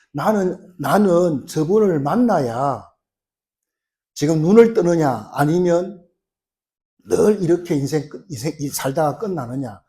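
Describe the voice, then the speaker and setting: A male pastor delivers a sermon in a mellow, dark-toned voice set slightly high. He retells scripture as a story, pausing on "uh" fillers and restarts. His delivery surges louder and higher as he builds toward his points. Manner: storytelling, acting out quoted cries with rising force. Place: church sanctuary.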